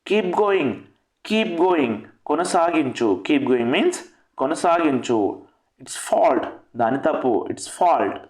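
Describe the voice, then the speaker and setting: Male English tutor, fairly high voice, very slow and deliberate, repeats each phrase; echoey room. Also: expressive. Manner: says each English phrase, then gives its Telugu meaning and repeats it; lifts his pitch on the English phrases. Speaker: spoken English teacher. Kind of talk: language lesson with repetition.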